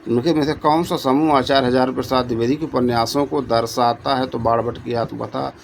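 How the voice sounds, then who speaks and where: A man's voice: mid-range voice, steady tone, fairly quick, creaky, a little hiss or hum. A man tutoring for Hindi exams, reading out quiz questions and repeating each answer to his students.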